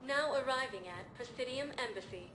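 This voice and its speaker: A calm, polite automated station computer makes formal announcements in an even tone. Her voice sits a little high and rings in a reverberant space. A clear ambient hum runs behind her. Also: normal speed. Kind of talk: video game dialogue. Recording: echoey game audio with ambient noise.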